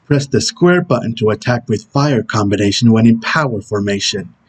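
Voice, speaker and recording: A man voicing a stern, brooding video game antihero who gives terse tutorial instructions in a husky voice. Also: fairly low pitch, moderate pace. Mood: stern, instructional. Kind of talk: character impression reading game tutorial instructions.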